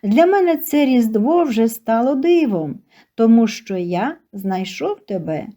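A woman reading a gentle young writer in a storybook. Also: on the high side, expressive, unhurried. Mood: tender.

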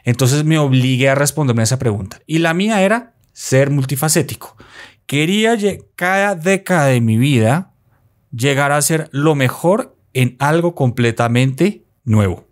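Guesting on a podcast, a motorcycle traveler in his forties from Bogotá, Colombia, shares his story animatedly, with gestures and playful asides, in a mid-range voice at moderate speed. A desk mic close by in a small studio captures him.

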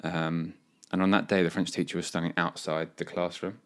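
Young English male podcast guest, deep and low, easygoing, rambling storyteller. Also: flat delivery, a little fast, fairly bright tone. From England. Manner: laid-back, rambling, laughs while telling stories. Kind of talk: casual storytelling chat.

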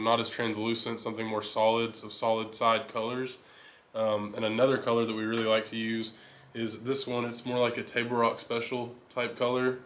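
A young man hosting a fishing channel, giving a steady, enthusiastic rundown of his lures in a casual chat. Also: mid-range voice, slight background noise. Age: young adult. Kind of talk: casual gear talk to camera. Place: indoor living room.

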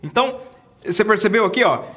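Chatty high-voiced sax teacher. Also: male voice, lively intonation, quick pace, fairly bright tone, faint music behind. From Brazil. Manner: chatty, checks in often with "tá?" and "cara". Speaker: saxophone teacher. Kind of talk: casual video lesson.

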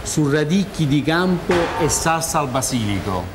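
A man's voice: on the high side, lively intonation, normal speed. A middle-aged man, a chef explaining a recipe in conversation. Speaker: hotel chef. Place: large professional hotel kitchen. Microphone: lapel. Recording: clearly noisy kitchen sound.

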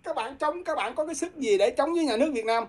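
A woman speaks quickly, pressing her points in a heated, combative flow. Her voice sits a little high, and she keeps challenging her listeners with repeated, pointed questions. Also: animated, a little mellow. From Vietnam. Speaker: guest. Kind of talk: heated political talk.

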